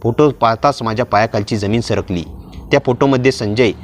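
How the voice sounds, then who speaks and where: A man narrating a dramatic first-person story in a steady storyteller's manner. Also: medium pitch, brisk, a little hiss or hum.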